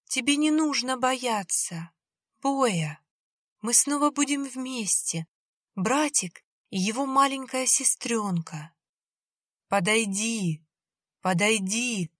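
A woman's voice: on the high side, expressive, slow pace, a bit bright, no echo, clean studio sound, pitched above the performer's own voice, full character voice. A woman voicing a ghostly little girl spirit who coaxes and pleads in a rustling, childlike voice. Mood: pleading. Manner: coaxing, insistently pleading. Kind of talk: audiobook character voice.

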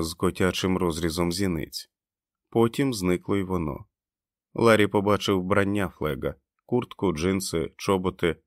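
A man narrating a novel as an audiobook in a measured, dramatic reading. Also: sits low, no room sound, studio quality.

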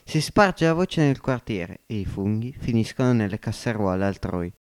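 An excitable poor workman, voiced by a man for a homemade storybook reading. He swings up and down in pitch with lively eagerness, with a smooth, clean tone. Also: moderate pace, natural voice. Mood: eager. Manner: eager, blustering, conspiratorial. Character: poor, scheming male laborer, excitable. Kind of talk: amateur audiobook reading.

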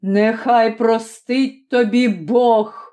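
A woman reading as a grim middle-aged father gives slow, hard orders in a dark, mellow tone. He sounds cold and unyielding. It is a storybook figure. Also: a little high, steady tone. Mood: stern.

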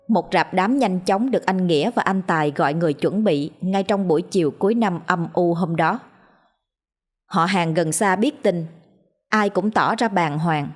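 Casting: woman narrator for a ghost tale, low-pitched, measured, faint music under. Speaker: storyteller.

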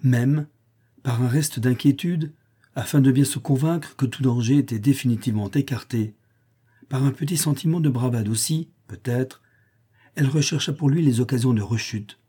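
A man reading a classic French short story aloud in measured, phrase-by-phrase literary narration. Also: medium pitch, mellow, husky. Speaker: audiobook reader. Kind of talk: scripted narration.

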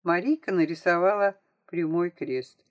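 A woman reading a children's novel aloud as an audiobook narrator, with expressive, varied intonation. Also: fairly low pitch, measured pace, lo-fi sound.

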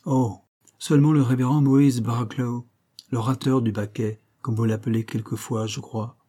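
Casting : contremaître posé et malicieux, joué par un homme, voix feutrée. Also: male voice, medium pitch, normal speed, natural voice. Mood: sly. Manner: calm, sly. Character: calm sly male mill foreman.

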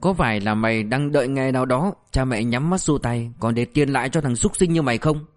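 A man's voice: mid-range voice, fast talker, lightly acted. A man voicing a ruthless male police officer who berates a suspect with harsh, relentless abuse. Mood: contemptuous.

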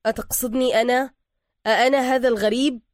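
A woman's voice: a little high, steady tone, fast talker, no echo, studio quality, voice pushed up, natural voice. A woman voicing a stern foreign man who speaks in a formal, commanding way. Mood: puzzled.

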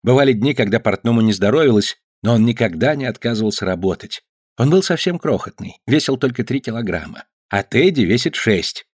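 A man reading aloud, voicing a gentle, kindly circus clown. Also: mid-range voice, lively intonation, a little fast, husky, no echo, studio quality. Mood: fond. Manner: gentle, storytelling.

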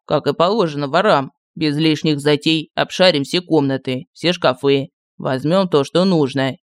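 A woman reading an audiobook, voicing a calm, phlegmatic male thief who speaks slowly in a lowered voice. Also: no echo, close to an everyday voice. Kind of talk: audiobook character voice.

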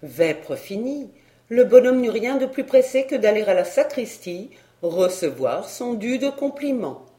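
A woman narrating a classic French tale as an audiobook, reading in an expressive, theatrical manner. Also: on the high side, unhurried. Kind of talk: storybook narration. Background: soft instrumental music.

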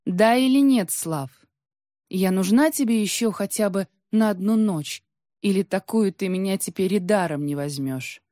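A woman's voice: medium pitch, moderate pace, mellow, dry recording, studio quality, lightly acted. A woman voicing a proud, bitter young tsaritsa who speaks coldly and insistently in a storybook reading. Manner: cold, prickly, insistent.

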